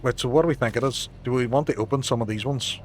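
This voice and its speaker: A man's voice: medium pitch, fast talker, noisy background. A man with a Derry accent, thinking aloud and chatting casually, with some swearing, during co-op gameplay. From Derry, Northern Ireland. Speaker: streamer. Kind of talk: casual co-op gaming stream chat.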